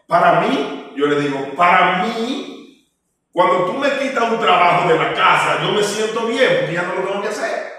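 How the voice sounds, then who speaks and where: A man's voice: on the high side, fairly bright tone. A man preaching an informal sermon, rambling through personal stories with restarts and acted-out dialogue. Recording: echoey hall, far from the mic.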